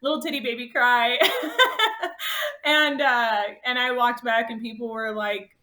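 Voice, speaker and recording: A woman guest on a podcast, telling her race story in a casual, animated way and laughing often. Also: a little high, normal speed, roomy sound. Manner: animated, laughs often, voice rises sharply when reliving moments.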